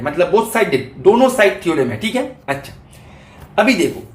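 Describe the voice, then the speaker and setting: Man teaching math, echoey room. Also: high voice. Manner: explains step by step, checks in often with students. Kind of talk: exam-prep math lecture.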